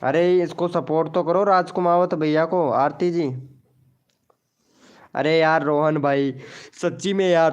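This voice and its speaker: Young man, live-stream host, fairly high voice, unhurried, casually greeting chat viewers. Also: a little mellow, clear, resonant tone, dull audio. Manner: chatty, greets viewers by name and reads out chat.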